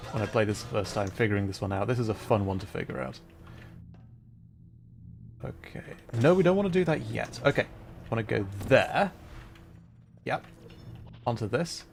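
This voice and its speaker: A livestreamer playing a puzzle game offers casual, playful commentary, thinking aloud in repeated little phrases and poking fun at himself. His voice is mid-range and creaky.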